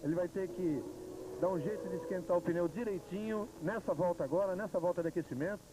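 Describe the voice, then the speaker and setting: Brazilian male racing analyst, high voice, heavy noise. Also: quick pace. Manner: explanatory, reasoning point by point. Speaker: motorsport analyst commentator. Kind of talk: live technical racing analysis. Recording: very noisy 1990s TV broadcast.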